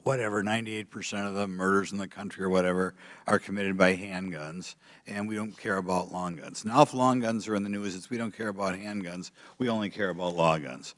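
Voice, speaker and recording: A man's voice: fairly low pitch, a bit bright. An older man, a politician giving rambling, plainspoken, aggrieved remarks off the cuff at a legislative hearing. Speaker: politician, congressman.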